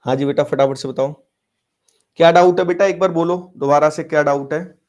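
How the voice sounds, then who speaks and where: A man's voice: fairly high pitch, fairly even intonation, a little fast, darkish tone. A man teaching a live online math class, coaxing and quizzing his students as he explains. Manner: coaxing, quizzing students, switching between Hindi and English terms.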